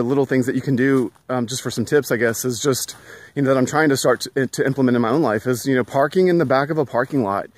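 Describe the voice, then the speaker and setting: Man, middle-aged, casual vlog, outdoors, phone mic, earnest, slightly breathless. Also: medium pitch. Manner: chatty, earnest, many "you know" fillers. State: a little out of breath. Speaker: vlogger. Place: outdoors at a school.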